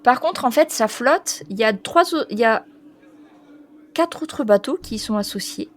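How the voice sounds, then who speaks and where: A woman running a tabletop role-playing game as game master, reading out a long list with many pauses and fillers, stumbling over foreign names. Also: fairly high pitch, expressive. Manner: reads foreign names haltingly.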